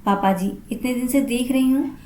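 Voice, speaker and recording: A woman's voice: fairly high pitch, normal speed, mellow, a little hiss or hum, pitched above the performer's own voice, natural voice. Woman voicing a worried young daughter-in-law. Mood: earnest. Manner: earnest, hesitant. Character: young devoted daughter-in-law, anxious and caring. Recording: roomy echo.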